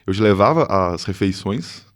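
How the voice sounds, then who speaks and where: A man's voice: fairly low pitch, lively intonation, moderate pace. A man, a podcast guest telling his story in casual chat, hesitant with many fillers and restarts. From Minas Gerais, Brazil.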